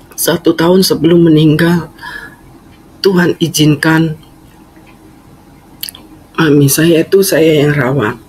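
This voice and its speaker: A woman's voice: deep voice, slight background noise, rough recording. A middle-aged woman tells a church testimony in an earnest, storytelling way. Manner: slow, earnest storytelling with fond laughter. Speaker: former singer giving a faith testimony.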